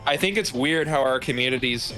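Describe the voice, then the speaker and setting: A laid-back man talking as a guest on a game stream. He rambles along with plenty of filler words, at a mid-range pitch, with faint music underneath. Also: brisk, pushed and bright. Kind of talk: casual chat.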